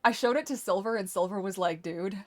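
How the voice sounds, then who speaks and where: A woman's voice: mid-range voice, fairly quick. A woman chatting casually as she plays a game for viewers, a welcoming and playful host who talks straight to her audience. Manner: playful, teasing. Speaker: host of a live game stream and community server. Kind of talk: casual chat while playing a game.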